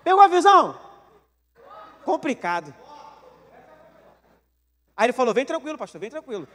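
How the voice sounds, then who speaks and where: Brazilian pastor guy, really high voice, joking sermon, hall echo. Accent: Brazilian Portuguese. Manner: joking, animated preaching with rhetorical questions to the congregation.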